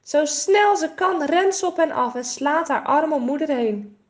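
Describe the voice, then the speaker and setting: A woman reading a children's storybook aloud in a gentle, expressive way. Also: high-pitched, unhurried.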